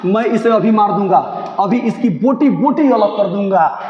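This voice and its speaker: A man's voice: high voice, normal speed, slight background noise, lightly acted. Furious young soldier, threatening, read by a male teacher. Roomy, dull lo-fi sound. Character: angry young soldier threatening to kill an enemy. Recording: echoey room, dull lo-fi.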